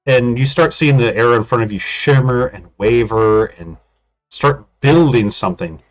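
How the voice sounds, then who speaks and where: A man's voice: medium pitch, a little slow, low-quality recording. A man casually narrating a tabletop game as game master, in an informal way.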